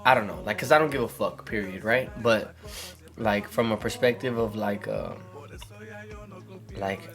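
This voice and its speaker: A man's voice: on the low side, normal speed, a bit bright. A man hosting a casual podcast chat, rambling with lots of fillers, restarts and cursing. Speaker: podcast host. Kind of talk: casual chat over wings. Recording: faint music behind. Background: faint music.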